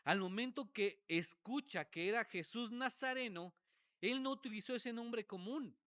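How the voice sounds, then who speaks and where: Male pastor, earnest sermon, slow measured delivery, higher voice. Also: no echo, clean studio sound. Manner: earnest preaching, swings from loud cries to hushed low asides; repeats words and restarts phrases.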